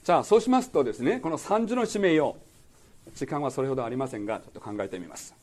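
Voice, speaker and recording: A man's voice: mid-range voice, lively intonation, quick pace, darkish tone. A man teaching a Bible lesson as pastor, quizzing his listeners and repeating key words. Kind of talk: sermon-style Bible lesson.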